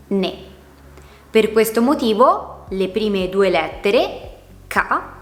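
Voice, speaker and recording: A woman gives a patient lesson at an unhurried pace, sounding out each word syllable by syllable. Her voice sits in a middle register. The room around her rings with noticeable echo. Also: medium pitch. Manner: spells out words syllable by syllable. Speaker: Italian teacher. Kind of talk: slow, clear explanatory lesson.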